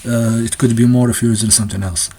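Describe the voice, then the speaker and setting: A man explaining a textbook's ideas in a casual unscripted talk, halting often with restarts and fillers and sometimes laughing nervously. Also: mid-range voice, steady tone, warm tone, a little hiss or hum. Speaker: presenter discussing a textbook.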